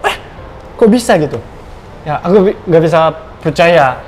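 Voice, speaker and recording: A young Japanese man chats as a guest, his pitch on the high side and his accent plain in every word. He slows down and fills gaps with "eh" while he looks for the right phrase. A light hiss of room noise sits under his voice. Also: lively intonation, darkish tone, rough recording. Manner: halting, searching for words, frequent fillers. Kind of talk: casual interview chat.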